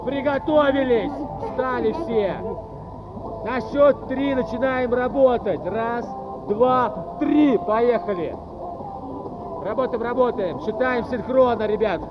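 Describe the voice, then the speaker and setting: A man's voice: very high-pitched, slow. A man coaching a group workout in a commanding gym-bro manner, counting reps and repeating short motivating orders. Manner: commanding, repetitive gym-bro style motivating drill calls. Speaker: fitness coach leading a team training. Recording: noisy outdoor recording, muffled, lo-fi.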